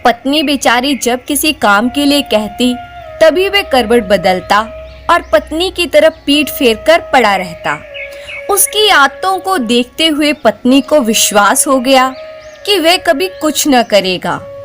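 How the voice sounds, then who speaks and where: In this scripted Hindi folk-tale narration, a female storyteller speaks in a bright, high, animated voice. Her delivery is leisurely and expressive, with pitch swooping up and down through each line, and music is distinctly audible underneath.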